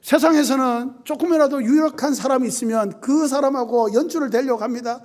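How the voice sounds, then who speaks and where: High-voiced man preaching a sermon. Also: a little fast, darkish tone. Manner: emphatic preaching with rhetorical questions and building lists. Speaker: pastor.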